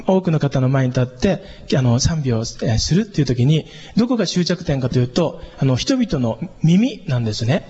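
A man, a church pastor, giving a casual spoken lesson on singing and microphones, chatty with many fillers and lively leaps in pitch. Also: husky. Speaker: church pastor teaching singers. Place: church hall. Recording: dull lo-fi sound with long reverb.

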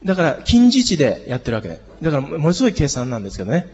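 Hoarse guy teaching a singing class, kinda high voice but mellow tone, long hall echo, dull sound. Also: huge pitch swings, rapid-fire. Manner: leads group singing exercises with counts. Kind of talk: music lesson.

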